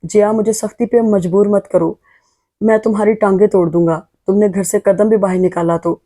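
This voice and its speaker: A woman's voice: medium pitch, steady tone, moderate pace, warm tone, natural voice. A woman voicing a troubled, guilt-ridden young husband in an audio novel, pleading and stern by turns.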